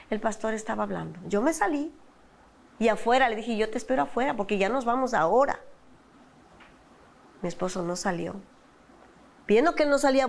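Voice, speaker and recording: Animated woman with a gravelly voice. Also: fairly high pitch. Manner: animated, reenacts past quarrels with rising voice. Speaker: church member giving testimony. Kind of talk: emotional testimony interview.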